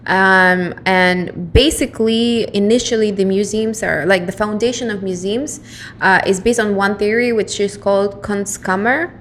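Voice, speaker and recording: A woman co-hosting a podcast, chatting casually and telling stories in an animated way with many fillers. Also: medium pitch, moderate pace, a little hiss or hum. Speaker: podcast co-host. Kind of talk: casual chat.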